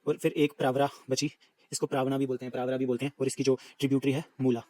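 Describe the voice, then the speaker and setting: A man teaching an exam-prep geography lesson, reciting lists briskly and repeating them to drill them in. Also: mid-range voice, level tone, dark tone, no echo, poor audio.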